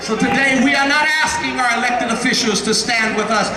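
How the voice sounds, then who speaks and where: A man delivers an impassioned union-organizer speech in a very high, raised voice. He builds emphatic, repeated phrases like a preacher. The sound echoes heavily through a rally PA, with a big crowd and music behind him. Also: fairly even intonation, fairly quick, very noisy. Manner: shouting, emphatic, repetitive oratory of a union organizer. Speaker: speaker at a labor rally.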